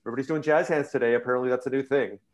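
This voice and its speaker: A man from Canada hosting a live virtual show from home, upbeat and chatty, his voice going a little hoarse. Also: mid-range voice, very fast. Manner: upbeat, chatty, jokes with audience. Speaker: host. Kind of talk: casual live show intro. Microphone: video call.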